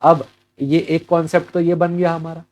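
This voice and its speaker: A male physics teacher works through an exam problem, mixing Hindi with English terms. His voice sits a little high but sounds mellow and relaxed. He keeps asking and answering his own questions. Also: normal speed, poor audio.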